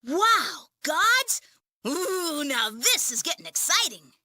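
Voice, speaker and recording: A woman playing an excitable, playful girl in a video game. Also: very high-pitched, slow pace, dry recording, heavily acted. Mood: gleeful. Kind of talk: dramatic video game voice acting.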